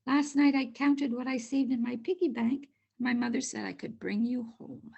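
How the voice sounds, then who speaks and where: A woman voicing an earnest, polite and excited little girl in a storybook. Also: on the high side, normal speed, creaky, husky, pitched above the performer's own voice. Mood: happy, earnest.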